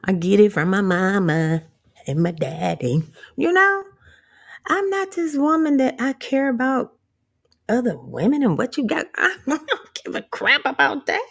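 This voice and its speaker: A brash, profane woman ranting to her viewers. She laughs often, her voice swings widely, and it has a gravelly fry. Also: fairly high pitch, very animated, measured pace. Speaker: vlogger. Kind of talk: motivational rant.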